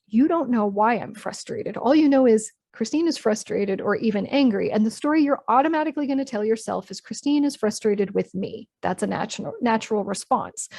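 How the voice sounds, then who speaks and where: A higher-voiced woman guides an online training session. She explains things in a candid, personal manner. The sound is dry and close. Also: darkish tone, dry recording. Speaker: workshop presenter. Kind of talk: live online training talk.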